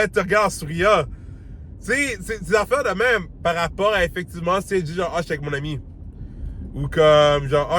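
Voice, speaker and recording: A talkative man with a Québécois accent and a voice pitched a little high, coaching the listener on dating like a buddy. His speech is loose and slangy, with English words dropped in, and he acts out the lines he quotes. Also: fairly bright tone, slight background noise. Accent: Québécois French. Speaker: dating advice host. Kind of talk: casual advice monologue.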